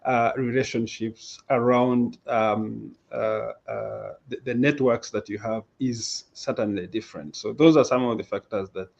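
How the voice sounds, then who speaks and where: A man's voice: medium pitch, steady tone, measured pace, gravelly, few pauses, a little mellow. A man, a guest on an online panel, speaking thoughtfully and hesitantly with many fillers. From Uganda. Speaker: panel guest, mental health advocate. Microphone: video call. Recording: dull video-call audio, faint noise.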